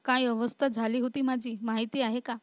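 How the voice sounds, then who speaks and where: A woman's voice: fairly high pitch, level tone, moderate pace, no room sound, lightly acted. A woman voicing a short-tempered, protective young husband in a storybook reading, in a scolding, exasperated manner. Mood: angry.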